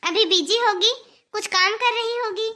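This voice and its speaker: A dutiful elder daughter-in-law from a cartoon, earnest and firm, with a very high, bright voice. She speaks with steady, sincere conviction. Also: normal speed. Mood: soothing. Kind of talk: cartoon voice acting.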